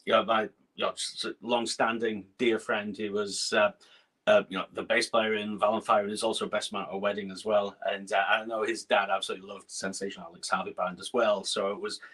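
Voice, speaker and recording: This middle-aged guest musician from Scotland, who has a northern English accent, speaks briskly in a low, slightly rough, flat voice during a casual interview on a video call. The recording is rough. His speech is hesitant, full of fillers and restarts, with soft laughs.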